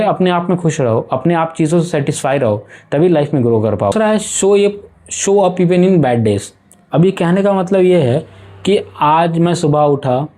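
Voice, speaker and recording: A man's voice: a little high, mellow. A young man giving a casual motivational talk straight to his viewers, calling them friend and slipping in English phrases. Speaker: self-improvement vlogger.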